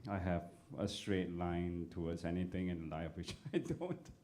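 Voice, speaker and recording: A man on a panel, answering thoughtfully with many pauses and fillers. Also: low voice, expressive, warm tone. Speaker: panelist composer. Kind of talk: relaxed panel discussion.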